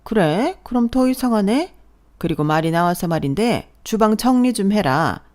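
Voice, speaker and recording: A woman's voice: mid-range voice, animated, normal speed, a little mellow, lightly acted. A woman voicing a sarcastic, nagging older mother-in-law in a spoken drama story, scolding and sniping.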